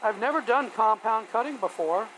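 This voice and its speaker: Medium in pitch and moderate in pace, a hobbyist woodworker talks casually on a live stream, folksy and rambling as he thinks aloud over his work. The poor audio comes from a home woodworking workshop, with a running shop vacuum steady in the background.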